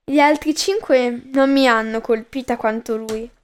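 A coy, unhinged young female kidnapper, as a woman reading a story puts her on. She speaks in a high, unhurried voice. Sweetness covers her manipulation. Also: clean tone, lightly acted. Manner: coy then menacing, laughs madly.

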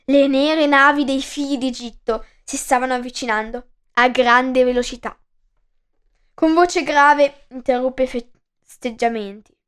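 A woman with a high voice narrates an ancient myth. Her reading is steady and measured, paced like a storybook. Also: clear, resonant tone.

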